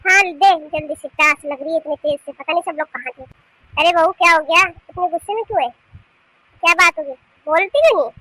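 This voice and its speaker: A woman voicing a nagging old mother-in-law in an animated cartoon, calling loudly for her daughters-in-law and questioning them. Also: very high voice, a little fast, dry recording. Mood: fussy. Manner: scolding, questioning, loud calls.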